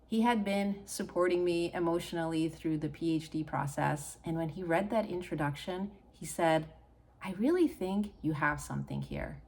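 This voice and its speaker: A middle-aged Hungarian woman hosts her channel, speaking earnestly and encouragingly to camera in a Hungarian accent. Her voice is lowish, creaky and darkish in tone, at a moderate pace, in a personal talk.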